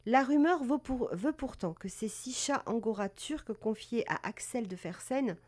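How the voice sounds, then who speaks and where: A woman's voice: on the high side, expressive, unhurried, a little mellow. A woman hosting a casual live stream, chatty, with many fillers and self-corrections, greeting viewers as she talks. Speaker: live streamer presenting cat breed history.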